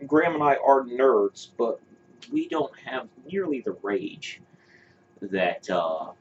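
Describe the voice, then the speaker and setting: A man's voice: mid-range voice, sing-song, takes it slowly. A man co-hosting a podcast, chatting casually and opinionatedly, rambling with fillers and restarts. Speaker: podcast co-host. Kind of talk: casual chat. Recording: dull lo-fi sound with faint hiss.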